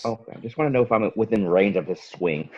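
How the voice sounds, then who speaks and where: A man's voice: on the low side, quick pace, a little mellow, slightly rough. A man playing in an online tabletop game who jumps in eagerly with questions. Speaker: player. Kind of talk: casual tabletop play. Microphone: online voice call. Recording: dull lo-fi online call audio.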